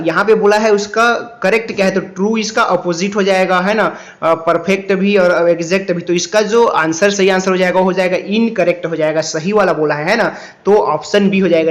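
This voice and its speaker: A man with a Chhattisgarhi Hindi accent, working through exam answers as a coaching teacher. He keeps adding "है ना" and "ठीक है" and reads English questions slowly. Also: high voice. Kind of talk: exam answer walkthrough lesson.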